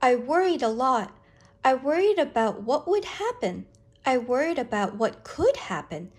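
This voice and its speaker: A woman reading a picture book aloud to children, with expressive, deliberate, dramatic phrasing. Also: high voice, breathy edge.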